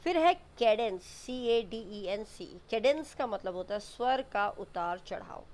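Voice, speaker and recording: A woman teaches exam vocabulary in an easy, patient way, repeating each word and spelling it letter by letter. Her voice sits at a middle pitch. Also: expressive, measured pace, a little mellow, slight background noise. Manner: mixes Hindi explanations with English definitions. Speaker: English teacher.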